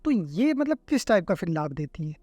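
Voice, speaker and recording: A man's voice: high voice, very animated, normal speed, dark tone, dry recording, faint music behind. A man hosting a podcast interview, asking reflective questions and thinking aloud as he forms them. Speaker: podcast host.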